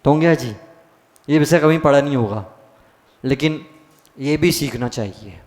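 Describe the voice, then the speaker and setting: A man's voice: mid-range voice, a little slow, a little mellow. A man, a monk teaching a scripture class, who explains step by step and keeps asking the class questions. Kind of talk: scripture lesson. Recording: long hall reverb.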